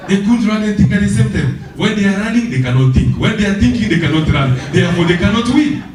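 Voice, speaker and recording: A man from the Democratic Republic of Congo, a native French speaker with a Congolese French accent, gives a lively motivational speech, firing rhetorical questions at the audience and repeating his key phrases. His voice sits high and he talks fast. He sounds distant in a very echoey hall.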